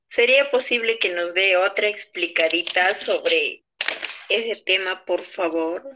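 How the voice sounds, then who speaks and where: A woman's voice: on the low side, unhurried, pushed and bright, a little hiss or hum. A student, a woman, asking her teacher politely and a little hesitantly over a video call.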